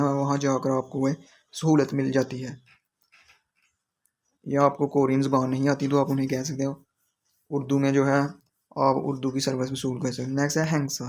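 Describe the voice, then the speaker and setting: Male teacher, even flat delivery, slow repetitive explanations. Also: medium pitch. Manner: explains each word slowly and repeats it. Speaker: Korean language teacher. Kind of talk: explaining vocabulary in a lesson.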